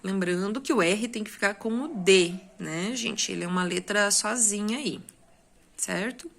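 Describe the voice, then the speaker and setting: Slow, patient Brazilian woman teacher. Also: mid-range voice, gravelly, a bit bright. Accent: Brazilian Portuguese. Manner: patient, explains step by step, keeps checking in with the class. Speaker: school teacher. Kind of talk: recorded lesson, correcting exercises.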